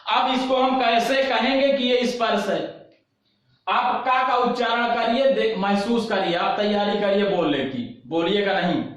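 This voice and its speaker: A man teaching an online class, asking questions and answering them himself, repeating key terms and slowly demonstrating sounds. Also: high-pitched, fairly bright tone. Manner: slow, drawn-out demonstration of sounds. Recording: very echoey, dull lo-fi room recording.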